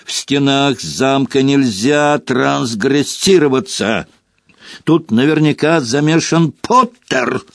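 A man's voice: fairly high pitch, big pitch swings, slow pace, husky, no room sound, studio quality, pitched above the performer's own voice, exaggerated voice. A man voicing a furious, spiteful male professor who snarls and rants. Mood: accusing. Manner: snarling, ranting.

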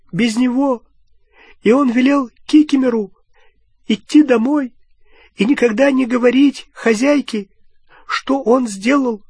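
A man's voice: very high voice, darkish tone, slightly rough, dry recording, pitched above the performer's own voice, exaggerated voice. A man voicing a weeping old male house-elf who stammers through sobs and speaks of himself in the third person.

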